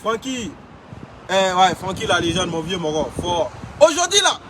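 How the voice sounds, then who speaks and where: A man's voice: high-pitched, sing-song, moderate pace, fairly bright tone, slight background noise. A young man from Côte d'Ivoire with an Ivorian French accent, ranting indignantly as a blogger in a heated vlog full of street slang.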